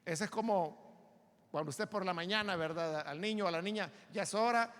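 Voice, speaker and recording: A man's voice: high-pitched, normal speed, fairly bright tone, in a large hall. A Salvadoran pastor teaching a Bible study sermon in a church. He explains emphatically and often asks listeners to agree. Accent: Salvadoran Spanish.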